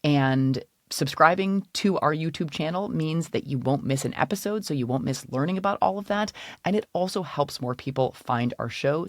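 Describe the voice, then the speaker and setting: A woman co-hosting a legal podcast and giving brisk, pointed commentary on a close studio mic. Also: deep voice, dry recording. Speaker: podcast co-host. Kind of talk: legal analysis podcast talk.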